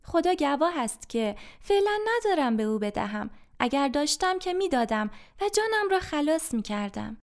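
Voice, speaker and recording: A woman's voice: high-pitched, big pitch swings, few pauses. A woman voicing a poor, ashamed grown man in debt, speaking humbly and hesitantly in a storybook reading.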